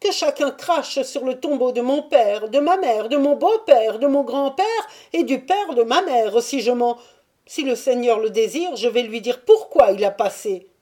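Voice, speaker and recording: A woman's voice: a little high, expressive, moderate pace, mellow, voice pushed up. A woman reading aloud and voicing a fearful, pleading old male trader who protests his honesty. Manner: voice raised, wheedling and protesting.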